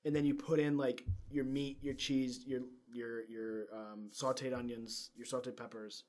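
A man's voice: mid-range voice, level tone, unhurried, darkish tone. A man co-hosting a podcast in casual chat, rambling and restarting with lots of fillers. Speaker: podcast co-host.

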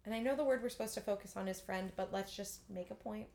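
A woman co-hosting a podcast in casual chat, animated and swearing freely as she acts out quotes. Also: mid-range voice, fast talker, creaky. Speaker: podcast co-host.

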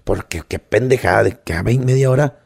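A man's voice: on the low side, lively intonation, fairly quick, vocal fry, a little mellow, slightly rough. A man with a Mexican Spanish accent, co-hosting a casual podcast and ranting heatedly, with plenty of swearing. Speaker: podcast co-host. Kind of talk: casual chat.

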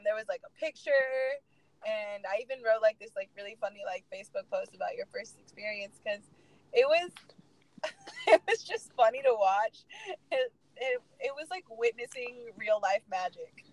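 A woman co-hosting a podcast, telling stories in a casual, animated way with lots of "like". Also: a little high, dry recording, poor audio. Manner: animated storyteller, says "like" a lot. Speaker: podcast co-host. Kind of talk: casual chat.

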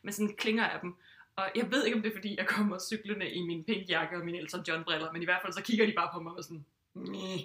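A woman chatting on a podcast in a bright, forceful voice, acting out her stories and cursing freely. Her voice rings around an echoey room. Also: on the low side. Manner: animated storytelling, swears freely. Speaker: podcast co-host. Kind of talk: casual chat.

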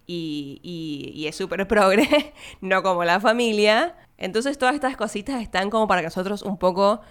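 Woman, Argentine accent, young adult, podcast host, casual film commentary, chatty, smooth tone, mid pitch. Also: expressive. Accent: Argentine Spanish, not Buenos Aires. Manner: chatty, laughs while talking, quick asides to listeners.

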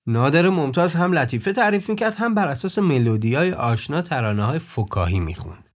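A man narrating a documentary podcast in a measured, informative scripted tone. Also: fairly high pitch, big pitch swings.

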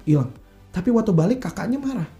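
A man, a youth pastor preaching earnestly in a relaxed chat, mixing in slang and acting out everyday complaints. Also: mid-range voice, fairly quick, gravelly, soft background music.

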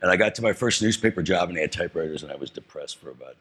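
Very deep, husky man in his sixties. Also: animated, very fast, a bit bright. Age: 60s. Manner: dry, self-deprecating humor. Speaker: panel guest. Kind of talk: panel discussion.

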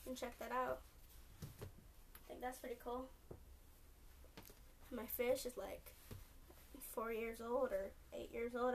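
Young woman, Californian accent, podcast host; casual rambling, fillers everywhere, slightly high voice, distant mic. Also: vocal fry. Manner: rambling, lots of "like" and "um", restarts often. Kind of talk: rambling solo podcast chat. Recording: distant mic with faint noise.

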